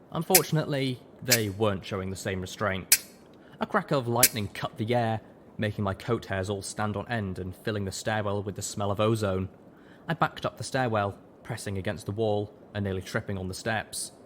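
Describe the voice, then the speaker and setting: Reading scripted first-person narration, a man who narrates audiobooks and shows speaks with a lowish voice over some background noise.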